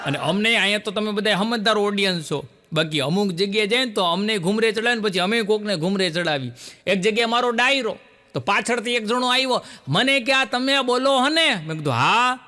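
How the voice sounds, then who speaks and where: Bright-voiced comedian. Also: male voice, high-pitched, expressive, fairly quick. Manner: folksy joke-telling with acted dialogue and audience laughter. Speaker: stand-up comedian. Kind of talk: Gujarati folk comedy storytelling. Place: stage show before a live audience. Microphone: stage microphone.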